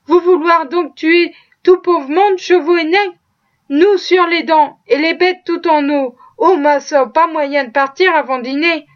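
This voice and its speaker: A woman voicing a sly, boastful male stable hand who exclaims loudly and plays innocent, in a storybook reading. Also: very high voice, a little slow, pitched above the performer's own voice. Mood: pleading. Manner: exclaiming, mock-innocent, excitable. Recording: dull lo-fi recording.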